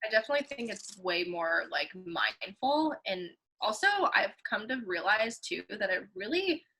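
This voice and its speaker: Young woman, bright tense tone, chatty ballet teacher in casual conversation. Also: mid-range voice, big pitch swings, normal speed, slightly rough, poor audio. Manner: chatty, filler-heavy, laughs often. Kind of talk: casual chat.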